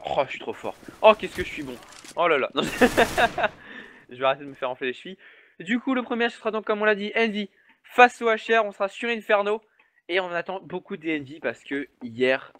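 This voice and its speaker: A man's voice: high-pitched, fairly bright tone, no echo. Chatty man casting esports. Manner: chatty, self-mocking, answers chat questions. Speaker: esports caster. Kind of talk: solo pre-match stream commentary.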